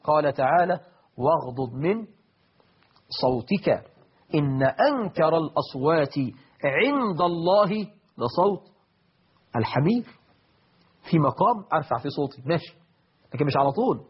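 Egyptian preacher guy giving a sermon, kinda high husky voice, slow solemn quotes then quick street-talk asides. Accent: Egyptian Arabic. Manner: animated, mixes classical quotes with colloquial asides. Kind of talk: Islamic sermon. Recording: dull lo-fi audio.

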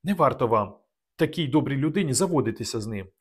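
A gentle young noblewoman whose voice stays soft and worried, done by a man reading aloud. She pleads quietly, her tone a little raised above the narrator's. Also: mid-range voice, lively intonation, quick pace, slightly rough.

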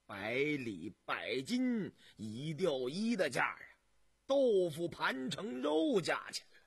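A shrewd old country farmer, husky and rough-voiced, who grumbles and scoffs in a folksy drawl, as a male narrator puts him on. His pitch leaps about as he complains, and the telling is slow and unhurried. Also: sing-song, dry recording, studio quality, full character voice. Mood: wry.

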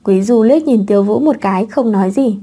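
Một người phụ nữ đọc truyện audiobook bằng giọng đều đều, không vội vàng. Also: female voice, mid-range voice, brisk, warm tone, husky. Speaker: narrator. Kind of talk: audiobook narration of a web novel.

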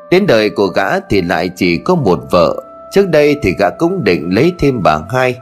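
A man narrating a comic folk tale in a colloquial, earthy and mocking way. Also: fairly low pitch. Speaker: storyteller. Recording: faint music underneath.

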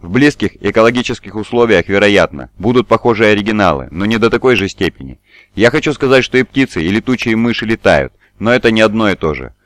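A scared grown man who argues earnestly and then begs for his life, voiced by a man reading a story. His speech is anxious and pleading. The voice is low and the sound dry and close. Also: animated, quick pace, no room sound, lightly acted. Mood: arguing earnestly.

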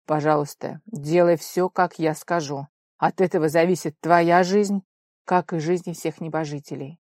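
A woman doing a gruff, urgent old ruler father. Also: low voice, fairly even intonation, moderate pace, darkish tone, no echo, studio quality, close to an everyday voice. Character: gray-haired stern powerful father, ruler.

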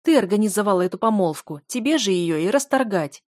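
A woman's voice: medium pitch, expressive, brisk, darkish tone, no room sound, studio quality, close to an everyday voice. A woman reading an audiobook, voicing a defiant young noblewoman who argues back heatedly.

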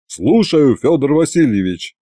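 A man voicing a calm, tired military commander who speaks in a measured, patient way. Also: a little high, dry recording, clean studio sound. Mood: weary.

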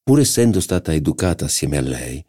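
A man reading a literary novel aloud as audiobook narrator, measured and expressive. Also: extremely low pitch, slightly rough, no echo, clean studio sound.

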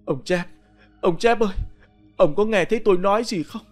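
A man's voice: fairly high pitch, animated, unhurried, a bit bright, faint music behind. A man voicing a grieving old village widow who pleads through sobs. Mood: wailing.

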